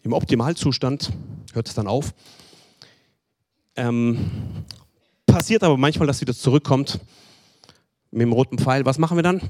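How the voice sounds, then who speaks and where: Speaking at an ordinary speed with frequent pauses, this medium-pitched male preacher pleads with the congregation and repeats his points, talking straight to them. He brings short dialogues to life by voicing the other characters.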